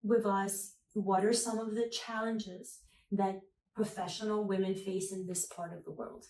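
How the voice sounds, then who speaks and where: A woman's voice: mid-range voice, level tone, unhurried, warm tone. A woman hosting a podcast, interviewing a guest at a conference in a casual, upbeat and encouraging way. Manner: upbeat, encouraging, asks leading questions. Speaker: podcast host. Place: busy conference venue. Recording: echoey, far from the mic, faint background noise.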